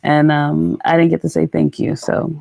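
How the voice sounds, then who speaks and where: A woman's voice: low-pitched, level tone, moderate pace, vocal fry, warm tone, no echo. A woman co-hosting a live podcast with her husband, chatting casually and telling stories with easy laughter. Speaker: podcast co-host. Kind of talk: casual chat on a live show. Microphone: studio microphone.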